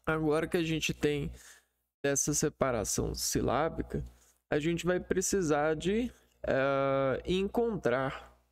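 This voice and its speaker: A man teaching an online lesson over a shared screen, in a slow, hesitant way full of fillers. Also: on the high side, no echo, studio quality.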